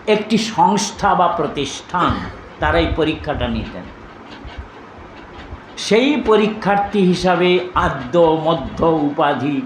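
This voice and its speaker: Older male preacher, high voice, anecdotal and reproving, roomy recording with light noise. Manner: anecdotal, scolding, switching between narration and quoted voices. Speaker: monk giving a religious discourse. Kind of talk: storytelling sermon. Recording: echoey room with faint ambience.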